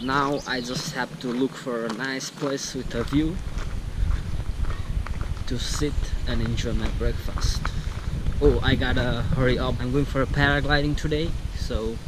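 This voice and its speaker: A man's voice: mid-range voice, steady tone, unhurried. A young man from Nepal talking casually to an action camera he holds at arm's length while walking around a mountain valley, with lots of fillers and restarts. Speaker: travel vlogger. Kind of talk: casual vlog. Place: outdoors in a mountain valley and a small shop. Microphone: action camera held at arm's length. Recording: outdoor camera mic with loud background noise.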